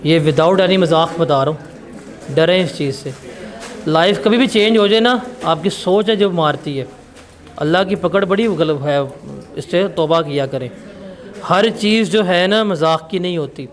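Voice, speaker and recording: A man's voice: on the high side, a little slow. A male teacher giving a classroom lecture in a blunt, scolding, emphatic way.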